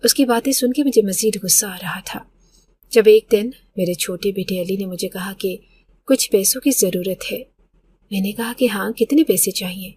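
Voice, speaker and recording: A woman's voice: medium pitch, a little mellow, a little hiss or hum. A middle-aged woman telling a story in the first person, in an emotional, conversational way.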